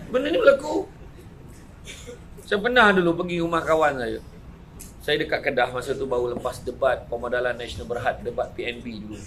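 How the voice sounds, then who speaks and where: A man with a Malaysian Malay accent giving a lively motivational talk, telling anecdotes in an animated way, jumping between loud outbursts and quiet asides and chuckling often. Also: medium pitch, a little fast, a little hiss or hum. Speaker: motivational speaker. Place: event venue before a live audience.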